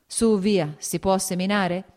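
A woman's voice: mid-range voice, fairly even intonation, slow pace, darkish tone, voice pushed up, close to an everyday voice. A woman voicing an irritable male landowner who questions sharply and with exasperation. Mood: exasperated.

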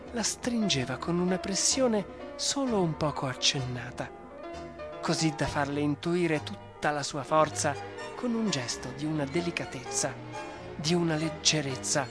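A narrator reading a children's story aloud in a lively, expressive storytelling manner. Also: mid-range voice, a little slow. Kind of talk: audiobook narration. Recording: dry studio voice over soft music.

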